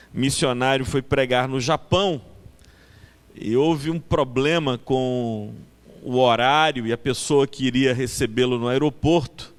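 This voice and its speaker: A Brazilian Portuguese-speaking man preaching a sermon as pastor of a small church, telling a story in a reflective, unhurried way. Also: medium pitch. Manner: reflective storyteller, loud bursts on acted exclamations.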